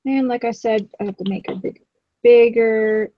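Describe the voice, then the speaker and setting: A woman co-hosts a craft stream, chatting casually while she paints, giggling and teasing herself along the way. Her voice is a little high and steady at a moderate pace, and the audio sounds dull.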